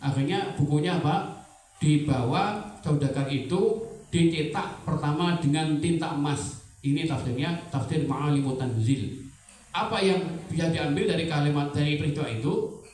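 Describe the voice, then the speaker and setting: Man with preaching, storytelling style, keeps talking to the crowd, kinda high voice, echoey hall. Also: moderate pace, a little mellow, distant mic. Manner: storytelling with frequent asides to the audience. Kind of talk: sermon storytelling.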